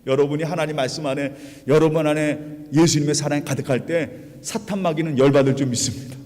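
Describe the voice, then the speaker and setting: Pastor guy preaching hard, fairly high voice, long echo from the church hall. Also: fairly even intonation, fast, darkish tone. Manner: emphatic, rhetorical questions to the congregation. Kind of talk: sermon. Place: church sanctuary.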